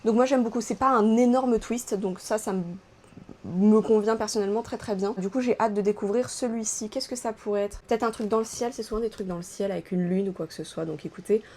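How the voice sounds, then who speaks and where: Enthusiastic French woman, mellow voice. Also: mid-range voice. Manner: chatty, enthusiastic, gushing. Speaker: puzzle YouTuber. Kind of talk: casual vlog chat.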